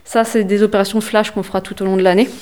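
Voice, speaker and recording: A young woman volunteering with a local environmental association answers interview questions, hesitating often and filling pauses with "euh." She slows down a lot to spell names out letter by letter. Her middle-range pitch barely moves and sounds a little mellow.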